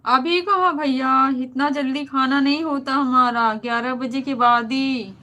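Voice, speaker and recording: A woman's voice: high-pitched, steady tone, measured pace, pushed and bright. A woman hosting a casual live-stream chat on a phone, answering viewers directly in a chatty way.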